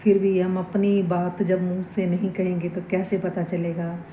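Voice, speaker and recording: A woman giving a slow, earnest devotional talk as a vlogger, reflecting aloud on forgiveness and faith. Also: lowish voice, flat delivery, mellow, roomy sound, slight background noise, rough recording. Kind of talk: casual spiritual talk.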